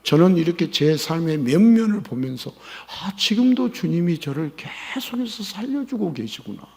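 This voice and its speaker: A male pastor preaching a sermon, swinging between hushed pleading and loud emphatic calls. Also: high voice, sing-song, normal speed. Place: church sanctuary. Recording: church hall with long reverb.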